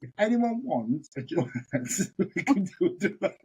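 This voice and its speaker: A woman's voice: mid-range voice, big pitch swings, a little slow, dark tone, slightly rough, rough recording. A woman with a Northern English accent hosting a casual podcast chat, playful and laughing often, breaking into song. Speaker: podcast host.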